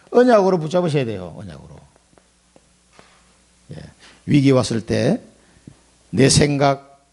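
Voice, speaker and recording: A male pastor delivers a lively Sunday sermon. His voice sits fairly high and swings widely in pitch. It has a gravelly, husky grain as he acts out quoted lines and puts questions to the congregation. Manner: animated preaching, acting out quoted speech, asking the congregation questions.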